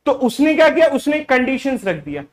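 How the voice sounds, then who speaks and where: Man teaching combinatorics, hushing his class. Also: very high-pitched, big pitch swings, a little fast. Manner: keeps hushing the class and asking them to listen; switches between Hindi and English mid-lesson. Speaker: math teacher. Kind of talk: classroom lecture.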